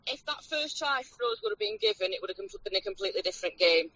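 A woman's voice comes through a phone on speakerphone, dull and lo-fi, bright in tone with a husky edge. She is driving as she talks and vents frankly and bluntly, like a fed-up fan. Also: mid-range voice, animated, fast, no echo. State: driving while on the call. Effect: heard over a phone on speakerphone. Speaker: caller. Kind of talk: casual chat.

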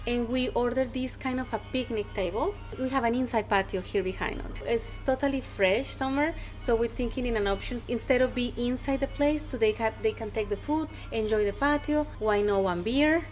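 A woman with a Mexican Spanish accent, a restaurant co-owner who talks in a casual interview and often restarts her phrases while she searches for English words. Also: on the high side.

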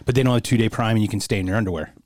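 A man's voice: lowish voice, racing, over a noisy crowd. A man co-hosting a podcast, joking and teasing his friend in casual chat. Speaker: podcast co-host.

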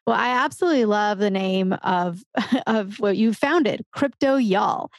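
A woman's voice: mid-range voice, measured pace, dry recording, clean studio sound. A woman hosting a podcast, introducing and questioning a guest in a conversational interview style.

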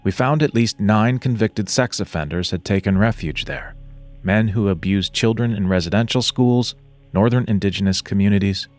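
A male podcast host reading scripted narration in a measured, serious way. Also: lowish voice, a little mellow, soft background music.

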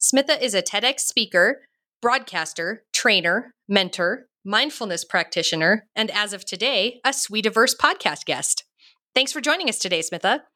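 A woman's voice: medium pitch, animated, normal speed, sharp tone. A woman hosting a podcast interview, friendly and asking prepared questions. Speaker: podcast host. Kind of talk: interview host.

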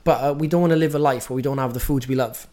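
A man's voice: mid-range voice, fairly even intonation, very fast, darkish tone. A man, teaching a coaching lesson on food in a direct, emphatic way and often checking with "right?". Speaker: nutrition coach.

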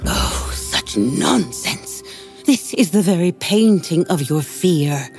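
A woman's voice: lowish voice, unhurried, warm tone, soft background music, lightly acted. An actress playing a scheming, commanding queen in a Shakespearean stage style, scolding her husband in a controlled way. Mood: scornful.

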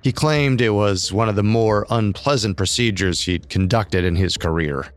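A man co-hosting a podcast, reading scripted true-crime narration with measured storytelling delivery. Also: on the low side. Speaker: podcast co-host.

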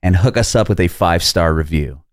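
A man hosting a music podcast, speaking in an energetic, upbeat way and chatting casually with a guest over a video call. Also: low voice, a little fast, no room sound, clean studio sound. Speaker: podcast host. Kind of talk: casual interview chat. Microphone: remote video call.

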